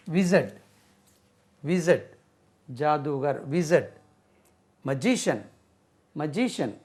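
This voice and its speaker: Slow, patient teacher, fairly high. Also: male voice, a little mellow. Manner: spells words letter by letter and repeats pronunciations; patient, repetitive, asks "right?" often. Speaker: English teacher. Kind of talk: slow spoken vocabulary lesson.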